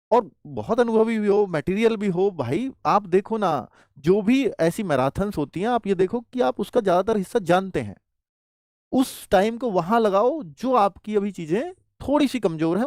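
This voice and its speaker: A man teaching as an exam coach, giving students animated advice and calling them "kids" and "brother". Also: high-pitched, no echo, studio quality. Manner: animated, addresses students as "bachhon" and "bhai". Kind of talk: motivational exam advice talk.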